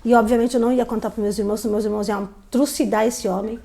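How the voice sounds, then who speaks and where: A woman hosting a live stream, telling a story from her own life in a fairly high voice. She tells it with plenty of animation and acts out the voices of the people in it. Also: fairly even intonation, racing, gravelly, dark tone.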